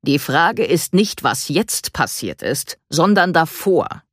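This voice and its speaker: A woman's voice: deep voice, very animated, slow, breathy edge, dry recording, clean studio sound, exaggerated voice. A woman voicing a stern, evasive male veterinarian who speaks in a curt, lecturing way.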